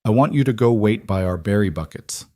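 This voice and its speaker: A man's voice: fairly low pitch, animated, fairly quick, darkish tone, no echo, clean studio sound, natural voice. A man voicing an alarmed single father, urgent but controlled as he speaks.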